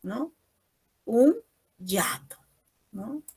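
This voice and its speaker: A woman's voice: a little high, animated, drawn-out words, dark tone, breathy edge. A woman teacher giving an online class over a video call, explaining patiently and ending most phrases with a questioning "no?".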